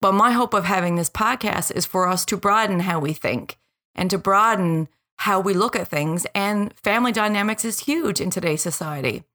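A woman in her forties speaking earnestly and deliberately in a personal, reflective podcast monologue. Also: medium pitch, a bit bright. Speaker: podcast host.

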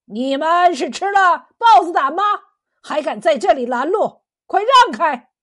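A woman voicing an arrogant male imperial guard in a told story, shouting his orders haughtily. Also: very high-pitched, lively intonation, unhurried, voice pushed up, full character voice. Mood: bullying.

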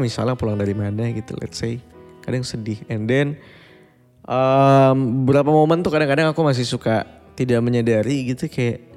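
Medium in pitch and darkish in tone, a young man in his twenties hosts a laid-back bedtime podcast. He muses and confides, mixing in English phrases, over faint music in a long-reverb recording.

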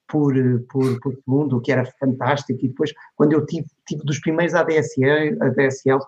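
Speaking fairly quickly in a mid-range, darkish voice with fairly even intonation, a middle-aged man from Portugal tells stories as a guest in a conversational interview. This digital marketing lecturer has a European Portuguese accent and voices those he quotes, heard on a dull lo-fi recording.

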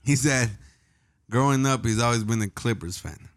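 Slangy dude chatting hoops, teasing, dry close mic. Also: male voice, medium pitch, normal speed, no echo. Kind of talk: casual basketball chat.

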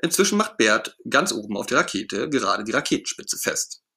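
A man narrating a children's storybook in a lively, playful way. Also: medium pitch, a little fast.

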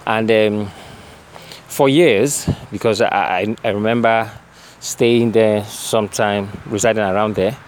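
Outdoors near a bridge, a man with a Nigerian accent gives a hesitant, unscripted field report and interview, slipping into Nigerian Pidgin. His voice sits on the low side, with fairly even intonation and a measured pace. Faint street and vehicle noise carries in the background.

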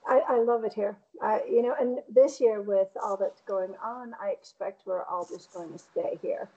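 A woman's voice: medium pitch, fairly even intonation, moderate pace, dark tone, lo-fi sound. A middle-aged woman from Connecticut with a New England American accent, chatting reflectively in a casual interview. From Connecticut, United States. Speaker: painter interviewed as guest.

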